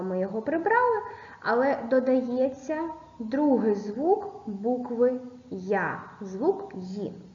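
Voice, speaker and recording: A woman's voice: on the high side, warm tone. A woman teaching a recorded lesson to young pupils, patiently dictating and spelling out sounds and syllables. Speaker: primary school teacher. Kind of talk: recorded video lesson for children. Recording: echoey room, dull lo-fi sound.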